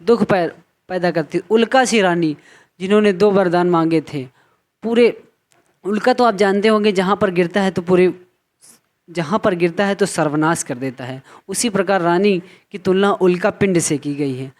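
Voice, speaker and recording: Male teacher explaining Hindi poetry. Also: sits high. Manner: slow recitation of verse, then line-by-line explanation with repetitions. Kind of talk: explaining a Hindi poem to students.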